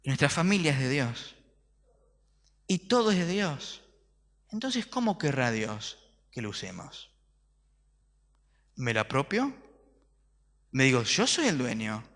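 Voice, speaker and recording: Argentine preacher guy, lively swings up and down, bright voice, big churchy reverb. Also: medium pitch, measured pace, long pauses. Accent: Argentine Spanish. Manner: animated, rhetorical questions, jokes with the congregation. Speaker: pastor. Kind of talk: sermon. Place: church hall.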